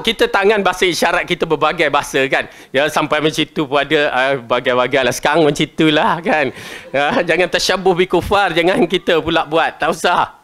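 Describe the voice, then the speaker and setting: A man with a Malaysian Malay accent giving a Quran commentary lecture, colloquial and jokey, chanting verses slowly. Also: sits high, fairly bright tone.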